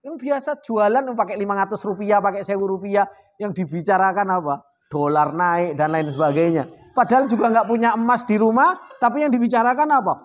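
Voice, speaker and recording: A man leads an Islamic study circle in a relaxed, lively style, throwing rhetorical questions at the audience and reading Arabic phrases before explaining them. His voice is high-pitched and a little fast.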